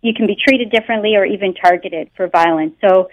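This guest researcher, a Canadian woman, talks a bit fast in a mid-range voice during a phone interview, with no room sound. Heard through a muffled telephone line, she's earnest and often fills pauses with "um" and "you know" in her Canadian English.

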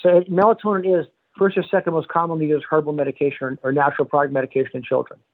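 Fast-talking professor on a phone line. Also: male voice, fairly high pitch, little pitch movement. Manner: measured, explanatory, self-correcting. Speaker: pediatrics and pharmacology professor. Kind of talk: phone interview.

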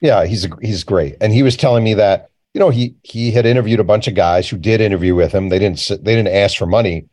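A fairly low, slightly mellow male voice moves a little fast with hardly any pauses. He's a journalist and author being interviewed, recounting stories casually and quoting remembered exchanges, which he acts out plainly.

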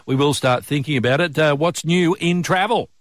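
A man's voice: fairly high pitch, moderate pace, no room sound, studio quality. An older man with an Australian accent, presenting and chatting as a breakfast radio host. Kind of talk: commercial radio presenting and chat.

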